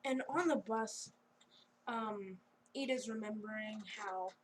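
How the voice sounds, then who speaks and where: A woman's voice: medium pitch, slow pace, slight background noise, low-quality recording. Giggly rambling young woman storyteller. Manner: rambling, giggly, chatty with fillers. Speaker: fan storyteller. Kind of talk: casual improvised story narration.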